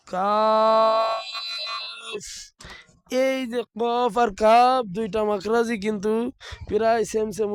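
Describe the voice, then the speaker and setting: A man, teaching an online Arabic pronunciation lesson, slowly drawing out letter sounds and chanting rules like a drill. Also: high voice, a little mellow, smooth. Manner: slow, drawn-out demonstration of letter sounds; recites lists in a chanting, drilled way. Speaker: madrasa teacher.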